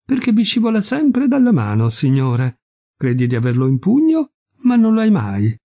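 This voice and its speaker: Brief: man voicing a saucy young lady, high and lively, frank, haughty teasing, storybook reading. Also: unhurried, breathy edge, no echo, clean studio sound, heavily acted.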